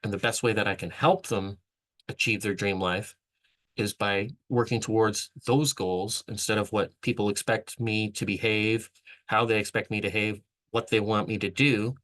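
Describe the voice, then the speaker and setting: A man speaks in a fairly low voice, talking earnestly about mindset and self-improvement. His delivery rambles, with restarts and repeated phrases, in the loose way of a solo motivational vlog. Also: steady tone, normal speed, fairly bright tone, poor audio. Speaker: vlog host. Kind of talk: motivational monologue.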